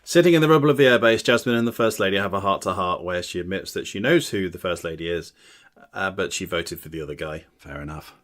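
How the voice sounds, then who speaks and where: A man with a slightly low voice recaps a film scene by scene for a casual podcast. He slips in dry, deadpan asides between plot points. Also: fast.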